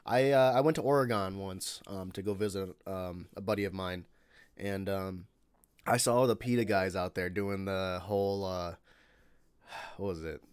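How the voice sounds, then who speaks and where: A man's voice: low-pitched, fairly even intonation, normal speed, darkish tone, smooth, no room sound. A young man from Chicago with a Chicago accent, hosting a casual live-stream chat and rambling through questions with lots of fillers. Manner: rambling, many fillers and restarts. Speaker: streamer host.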